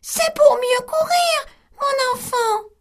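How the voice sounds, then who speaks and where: A woman voicing a big hungry wolf in a fairy tale, loud and sly. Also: very high-pitched, slow, a little hiss or hum, pitched above the performer's own voice, full character voice. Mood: coaxing. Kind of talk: storybook reading.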